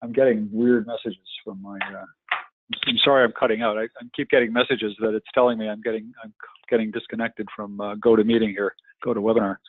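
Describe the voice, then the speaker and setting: A man giving a webinar presentation whose voice comes over a bad online connection that keeps cutting out, and he speaks haltingly with many fillers. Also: fairly low pitch, level tone, a little hiss or hum. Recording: tinny lo-fi online audio.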